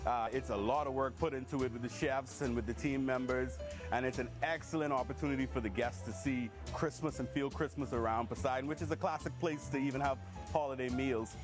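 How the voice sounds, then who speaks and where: A man's voice: mid-range voice, fairly quick. A man speaking as a hotel executive in interview soundbites. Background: music.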